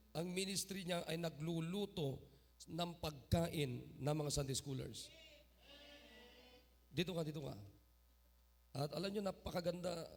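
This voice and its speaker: A man preaching a sermon in a church with a high, gravelly voice. He is lively and calls out to the congregation by name. He mixes English phrases into his talk. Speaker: pastor.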